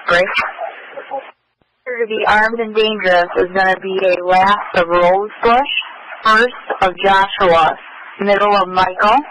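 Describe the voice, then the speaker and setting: A man's voice: high-pitched, sharp tone. A man dispatching over police radio, giving clipped, formulaic procedural announcements and reading out details in code. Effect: police radio transmission. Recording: noisy police radio scanner audio.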